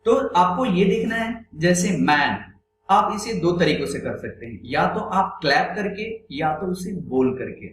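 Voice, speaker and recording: A man teaching an English grammar lesson, reading out word lists slowly and explaining them in Hindi with English phrases. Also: high-pitched, lively intonation, a bit bright. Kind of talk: classroom-style grammar lesson. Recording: roomy echo with faint hum.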